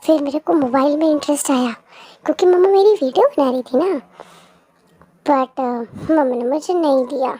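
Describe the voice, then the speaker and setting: A woman's voice: high-pitched, normal speed, warm tone, natural voice. A woman voicing a chatty, cheerful baby girl who narrates her own day in a cutesy vlog, talking playfully straight to the viewers.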